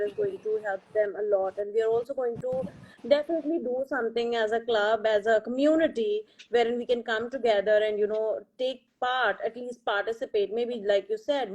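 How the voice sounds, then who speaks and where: Effusive higher-voiced woman host. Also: a little mellow. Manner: effusive, full of fillers and restarts. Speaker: book club host. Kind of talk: casual interview chat.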